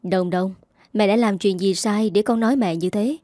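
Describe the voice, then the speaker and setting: A woman voicing a gentle young mother in a spoken story, soft and coaxing. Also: medium pitch, normal speed, no room sound, studio quality, close to an everyday voice.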